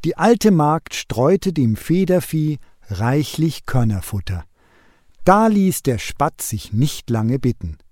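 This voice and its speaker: A man hosting a radio show and reading a Christmas story aloud in a slow, expressive way. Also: fairly high pitch, no echo, clean studio sound. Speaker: radio host.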